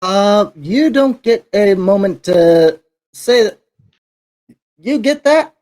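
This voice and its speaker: Slow, lively-voiced man running a tabletop game. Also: sits high. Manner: unhurried, narrating with hesitant fillers. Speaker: dungeon master.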